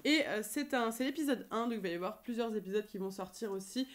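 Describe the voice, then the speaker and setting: A woman's voice: mid-range voice, quick pace. A young woman chatting enthusiastically in a casual vlog in her apartment, with frequent fillers. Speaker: YouTuber. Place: her new apartment, indoors.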